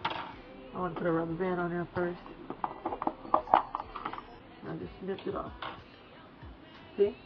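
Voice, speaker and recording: A young woman with a slight cold talks casually through a hair tutorial in a small room by a folding screen, chatty and calling viewers "guys," though her fairly low voice is flat and slow with frequent pauses. Music plays behind the dull, lo-fi recording.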